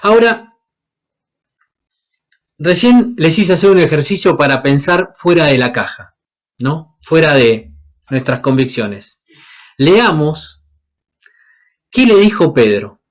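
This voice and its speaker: A man's voice: on the high side, sing-song, takes it slowly, pauses often. Paraguayan man preaching, quizzing listeners. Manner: asks the congregation questions, voices the Bible characters. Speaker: guest preacher. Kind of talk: sermon.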